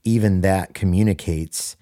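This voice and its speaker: A low-voiced man talks on a podcast as a worship leader, his tone warm and mellow. He speaks earnestly, hammering points home by repeating them, and slips in deadpan jokes. The sound is dry and close, with no room around it. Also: a little slow, no echo. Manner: earnest and emphatic, repeats key phrases for stress. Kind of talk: casual podcast conversation.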